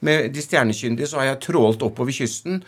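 A man with an Oslo Norwegian accent, a novelist talking in an interview in an effusive, emphatic way with halting repetitions. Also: mid-range voice, slightly rough. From Oslo west, Norway. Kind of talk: animated conversational interview.

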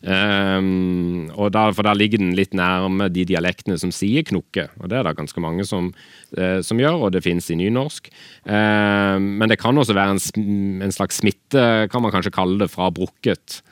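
Deep-voiced male language expert. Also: steady tone, clear, resonant tone, no room sound, studio quality. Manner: careful, explanatory, with many hesitations. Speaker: language researcher. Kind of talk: expert explanation on radio.

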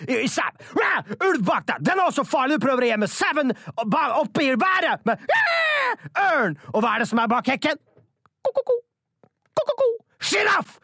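Man doing a husky, overexcited small-town politician, high voice leaping wildly, roaring melodrama. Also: sing-song, few pauses, sharp tone, no room sound, studio quality, exaggerated voice. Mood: frantic dramatic. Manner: wildly melodramatic, roaring animal noises and sound effects. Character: bumbling rural male politician, overzealous anti-wolf crusader. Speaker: local party leader. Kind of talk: comedy sketch, mock radio play.

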